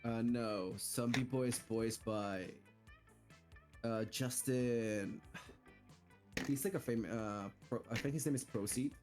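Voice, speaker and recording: A man's voice: medium pitch, slow pace, long pauses, over music. A man co-streaming a game who chats casually and shares trivia about the voice cast. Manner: casual, chatty, explains trivia. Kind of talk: casual gaming chat.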